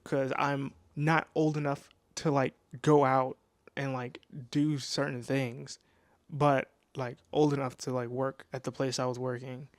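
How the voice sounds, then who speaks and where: A man's voice: mid-range voice, little pitch movement, unhurried, no room sound. A nineteen-year-old man telling a casual storytime into his microphone at home, rambling with lots of restarts and slang. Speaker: vlogger. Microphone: new desk microphone.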